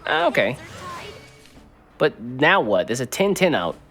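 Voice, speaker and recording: A man's voice: medium pitch, huge pitch swings, a little slow, creaky, a bit bright, faint music behind. A man co-casting an esports card game, laid-back and joking in banter. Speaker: esports co-caster. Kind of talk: live esports commentary.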